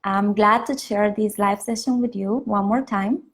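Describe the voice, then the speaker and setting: A woman from Costa Rica with a Costa Rican Spanish accent, a yoga and meditation teacher giving a calm, gently paced mindfulness talk on a live stream. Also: mid-range voice, a little hiss or hum. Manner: slow, calm, gentle delivery with many pauses.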